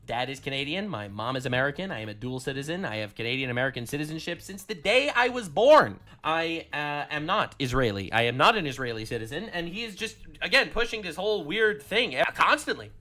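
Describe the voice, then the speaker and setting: Bright-voiced, sarcastic male commentator. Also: on the high side, very animated, a little fast, hardly any pauses. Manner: sarcastic, combative. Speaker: streamer in a played clip. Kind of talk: political commentary monologue.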